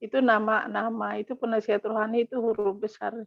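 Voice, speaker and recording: Female participant, higher voice, correcting, heard over a dull lo-fi line. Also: level tone, fast, gravelly, no echo. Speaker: workshop participant. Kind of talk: online workshop discussion.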